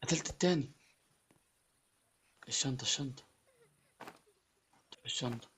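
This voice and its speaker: A man with an Egyptian Arabic accent giving excitable Let's Play commentary as a gaming YouTuber, often repeating his words. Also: mid-range voice, normal speed, slight background noise.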